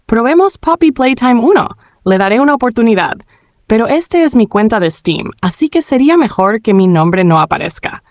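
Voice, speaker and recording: A woman's voice: medium pitch, lively intonation, a little fast, darkish tone, no echo. Woman narrating over a dry mic. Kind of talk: scripted narration.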